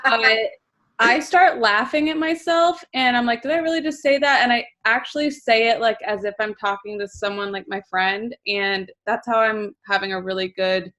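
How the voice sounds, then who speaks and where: A woman's voice: fairly high pitch, fairly even intonation, normal speed, bright, forceful tone. Give me a casual woman on a video call, upbeat and poking fun at her own slip-ups. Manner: upbeat, self-deprecating. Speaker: participant on a training call. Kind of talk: casual chat.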